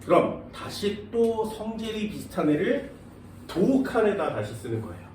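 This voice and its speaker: A man with a high-pitched, somewhat dark voice and big pitch swings gives a science lecture to a class at normal speed. He keeps asking whether the students follow, mixing casual banmal with polite speech. The recording is echoey and distant, as if from the back of a classroom, with faint noise.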